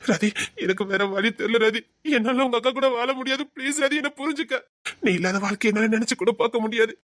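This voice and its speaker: A lovesick young man, played by a woman, begging his beloved in a rushed, urgent patter. The voice sits fairly high and is recorded dry and close. This is emotional audio-drama acting. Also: fairly bright tone, no echo, close to an everyday voice. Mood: pleading. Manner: pleading, repeats her name, emotional threats. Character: young man desperately in love, pleading.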